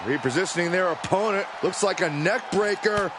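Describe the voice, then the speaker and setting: A man's voice: high-pitched, moderate pace, over a noisy crowd, natural voice. A man playing a fired-up wrestling commentator in a video game, with punchy, emphatic exclamations. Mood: excited. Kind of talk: excited sports commentary. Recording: loud arena noise behind the voice.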